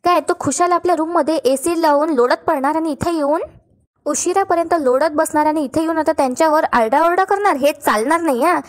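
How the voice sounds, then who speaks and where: A woman's voice: high-pitched, brisk, close to an everyday voice. A woman voicing a firm, level-headed elder daughter-in-law who admonishes steadily.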